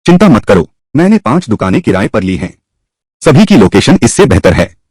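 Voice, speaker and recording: A man dubbing a confident young restaurant entrepreneur who talks in a calm, persuasive way in a drama dub. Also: lowish voice, normal speed, breathy edge, no room sound. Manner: assured, calmly persuasive.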